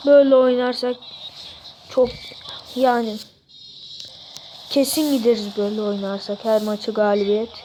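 A young-sounding, voice giving excited, casual football game commentary, exclaiming and shouting at goals and misses. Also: mid-range voice, measured pace, long pauses, a little hiss or hum, low-quality recording. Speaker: gamer commentating own football career-mode play.

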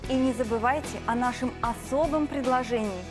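A woman presenting a gushing infomercial sales pitch as a TV shopping host, lingering on descriptive words for emphasis. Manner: gushing, drawn-out emphasis on sensual adjectives. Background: background music.

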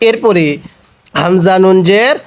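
A man's voice: sits high, measured pace. A man from Bangladesh teaching the Quran, patiently spelling out syllables one at a time and asking the listener to read along with him. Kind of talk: slow spelling-out recitation lesson.

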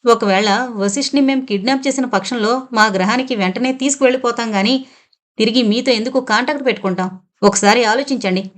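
A woman voicing an alien caller who speaks calmly and gravely, reasoning with a distraught mother. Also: fairly high pitch, brisk, lightly acted. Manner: calm and grave, pleading reasonably.

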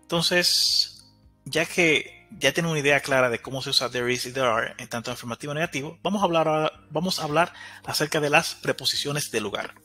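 A male English teacher giving a lesson in Spanish, repeating English words slowly and checking in with the students often. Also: on the high side, pushed and bright, faint music behind. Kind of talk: recorded mini-lesson.

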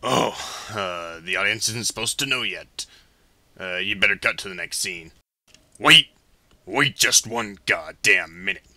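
A low-voiced, very sharp anime parody villain played by a man. He is chatty and theatrical, flippant about his own evil, and stalls casually. The sound is close and dry. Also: lively intonation, unhurried, dry recording, exaggerated voice. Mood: flippant, stalling. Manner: casual, stalling, mock-menacing. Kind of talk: comedic anime parody dub.

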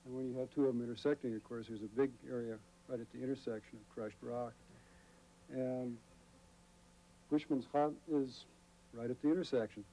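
A man's voice: mid-range voice, dark tone, rough recording. A middle-aged man explaining geology outdoors beside a rocky cliff, speaking unscripted, with gestures and a few restarts. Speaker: scientist explaining geology and diving. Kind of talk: casual on-camera explanation.

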